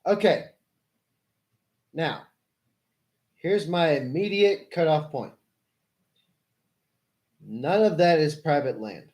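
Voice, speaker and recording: Man, livestream host, higher-pitched voice, political debate, explanatory, rephrasing and correcting. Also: expressive, takes it slowly, pauses often, darkish tone. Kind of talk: live political debate with a caller.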